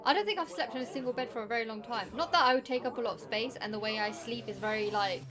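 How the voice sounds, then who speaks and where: A woman's voice: fairly high pitch, quick pace, a crowd in the background. A woman streaming, chatting and reacting casually to a show. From Britain. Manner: chatty, exclaiming.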